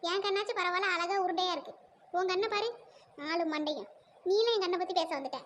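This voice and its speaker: A vain, bossy cartoon big sister snipes at her younger sibling in a very high, rapid voice, voiced by a woman. Her tone is haughty and quarrelsome, and a faint hiss runs underneath. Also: fairly bright tone. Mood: bickering. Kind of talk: cartoon voice acting.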